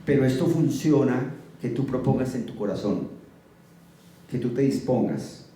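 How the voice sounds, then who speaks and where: Male preacher, earnest repetitive sermon, mellow tone, distant mic in a reverberant room. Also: medium pitch, animated, a little slow, slight background noise. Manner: earnest, repeats phrases for emphasis. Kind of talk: sermon with scripture reading.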